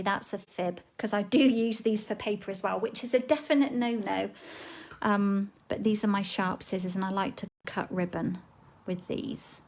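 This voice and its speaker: A woman's voice: medium pitch, a little hiss or hum, low-quality recording. A woman, with a frog in her throat, giving a live craft tutorial and chatting casually while she works. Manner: chatty, relaxed, talks while working. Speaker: papercraft demonstrator.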